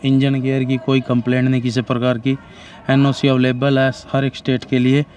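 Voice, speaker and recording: A man in his thirties working as a car dealer on an outdoor lot, giving a matter-of-fact pitch that runs through the features and rates. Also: completely flat delivery, normal speed, a little mellow, a little hiss or hum. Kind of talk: sales pitch.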